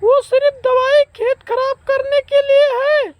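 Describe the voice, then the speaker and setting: Brief: shrill, harsh older mother-in-law from a comedy skit, played by a woman, drawn-out bossy delivery. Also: level tone, noisy background.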